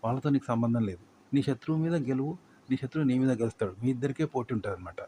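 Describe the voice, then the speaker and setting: A man's voice: medium pitch, fast talker, warm tone, a little hiss or hum. A man giving informal advice, asking rhetorical questions and using plain folksy examples. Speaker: YouTube advice teacher. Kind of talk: informal tutorial talk.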